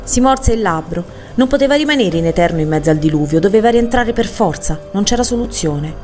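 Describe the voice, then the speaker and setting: A woman narrating a literary audiobook in a measured, expressive reading. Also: mid-range voice, faint music behind. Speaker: audiobook reader.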